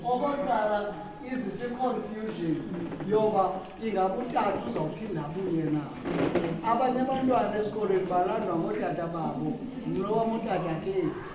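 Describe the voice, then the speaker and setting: A woman with a Xhosa South African accent teaches informally in a very reverberant room, heard at some distance from the microphone. Her pitch is mid-range, and she explains point by point with short check-in questions. Clear background noise sits behind her voice. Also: fairly quick. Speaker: speaker leading a talk. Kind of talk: informal teaching talk, code-switching with English. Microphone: distant from the speaker. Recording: very echoey room, distant mic, noisy.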